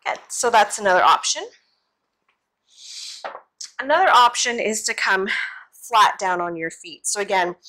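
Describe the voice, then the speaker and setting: Young woman, bright forward voice, casual yoga-teacher delivery, encouraging and informal, for an instructional demo. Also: medium pitch, poor audio.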